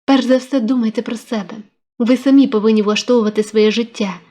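A woman's voice: on the high side, fairly even intonation, brisk, warm tone, natural voice. Pushy young suitor, woman reading him, persuasive, storybook read-aloud. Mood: insistent. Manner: pressing, persuasive. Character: ardent, insistent young man, a suitor.

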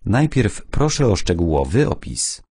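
A man's voice: lowish voice, very animated, a little slow, darkish tone, breathy edge, no echo, studio quality, full character voice. A man voicing a bored, pedantic police officer who talks down to a witness about procedure in an audiobook. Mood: condescending. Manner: condescending, insisting on procedure.

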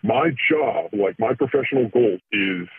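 A male caller speaking hesitantly through a voice changer that shifts his voice deeper. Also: animated, husky, dry recording. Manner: hesitant, halting. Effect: voice changer, deep pitch shifted. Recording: tinny phone line.

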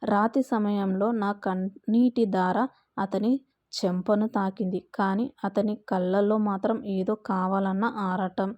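A woman narrating a first-person story in a slow, emotional way. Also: mid-range voice, flat delivery, a little mellow, dry recording, highs cut off.

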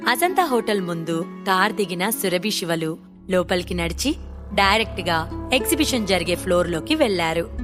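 A woman narrating a scripted audio story in a steady storytelling manner. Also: mid-range voice.

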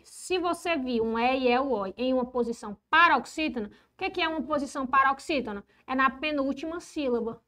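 A woman with a high voice leads an online grammar class, walking students through spelling rules patiently. She drags out the important words and checks in with quick "certo?" asides. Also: a bit bright. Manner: explanatory, repeats key rules slowly, frequent "ó" and "show?". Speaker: teacher. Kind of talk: online exam-prep grammar lesson.

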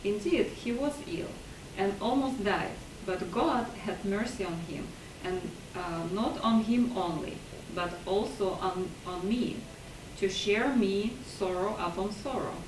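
A woman's voice: mid-range voice, a little slow. A woman in a Bible class carefully reading a passage aloud, with a few small slips. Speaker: class member reading scripture. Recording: echoey room from far off, noisy.

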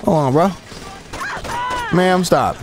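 A young man swearing, trash-talking and shouting at characters while commentating his gameplay. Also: a little high, slow pace, noisy background. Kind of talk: profane running commentary over gameplay.

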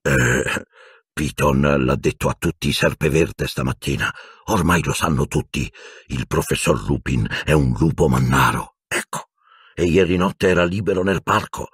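A man voicing a huge, warm-hearted gamekeeper with homely, plain speech. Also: low voice, animated, normal speed, husky, no echo, clean studio sound, heavily acted. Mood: cheerful, confiding.

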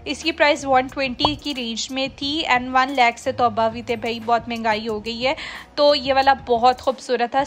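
A woman's voice: high voice, fairly bright tone. A woman, chatting to viewers in a casual shopping vlog voice-over. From Pakistan. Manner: chatty, friendly, addresses viewers directly. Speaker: shopping vlogger.

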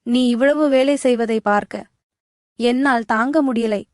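A woman's voice: a little high, a little slow, dry recording, clean studio sound, close to an everyday voice. A woman voicing a sly, pushy teenage younger brother who talks in a coaxing, wheedling way.

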